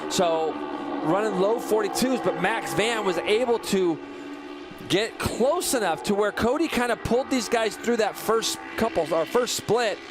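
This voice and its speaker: A man giving live motorsport commentary as the race analyst, excitable and explanatory. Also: high-pitched, measured pace, music in the background.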